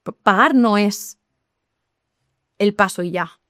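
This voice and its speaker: Lively woman explaining. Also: medium pitch, takes it slowly, dry recording, clean studio sound. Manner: lively, explanatory, addresses listeners directly. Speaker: English teacher. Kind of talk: podcast conversation.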